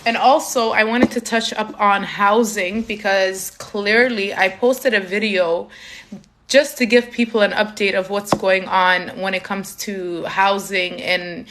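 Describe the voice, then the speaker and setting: Against a noisy background, a young Canadian woman hosts a live stream for her community foundation, talking to viewers. Her medium-pitched voice is a little slow with fairly even intonation, and she switches between English and Somali, using lots of fillers.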